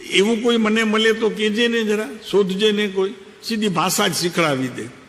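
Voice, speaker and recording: An older spiritual teacher talks in a chatty, story-telling way, often turning to ask his listeners questions. His voice sits a little high for a man, and a long reverb trails behind it through a large hall. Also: normal speed, fairly bright tone. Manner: conversational and anecdotal, questioning the listeners. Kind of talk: spiritual discourse.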